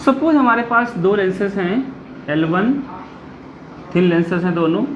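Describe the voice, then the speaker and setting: Physics teacher talking slow, dragging out each formula, keeps checking "clear?", roomy echo on a dull lo-fi recording. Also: mid-range voice, expressive, slight background noise. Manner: deliberate, drawn-out dictation of formulas, often checks with "clear?"; switches between Hindi and English technical phrases. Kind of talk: blackboard-style lecture working through a derivation. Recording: echoey room, dull lo-fi sound.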